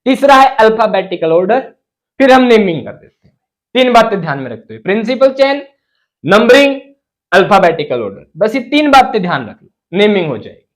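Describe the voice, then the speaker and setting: A man's voice: sits high, poor audio. A man teaching chemistry as a lecture. He asks the class questions and then answers them himself, and he drops English terms into his explanations.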